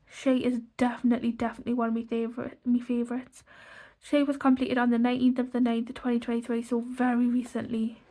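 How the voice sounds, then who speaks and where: A young woman who hosts a colouring channel flips through a colouring book, chatting casually while stuffy from a cold. She rambles and restarts, using "like" as a filler again and again. Her voice is slightly high and a bit mellow.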